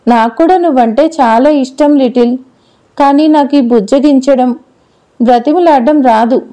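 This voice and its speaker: A playful, doting grown man teases and coaxes a little girl in a storybook, voiced by a woman. The voice stays high and mellow and does not drop to a man's range. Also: moderate pace, close to an everyday voice. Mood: teasing. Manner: teasing, coaxing.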